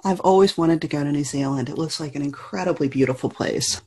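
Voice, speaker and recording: A woman's voice: low voice, fast, dark tone, breathy edge. A woman hosting a podcast, reading a scripted introduction and asking friendly interview questions. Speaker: podcast host.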